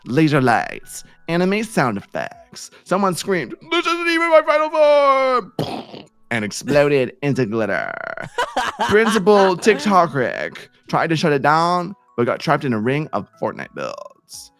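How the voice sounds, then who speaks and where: A man's voice: a little high, measured pace, vocal fry, soft background music. Playful man reading comedic fan fiction. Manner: animated, playful storytelling with sudden shouts. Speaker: streamer.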